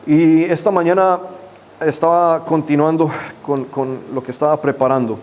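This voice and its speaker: Opening with a fervent prayer full of repeated invocations, a pastor then moves into a personal story told loosely and conversationally. He has a fairly high, darkish voice, and a bit of background noise sits under the recording.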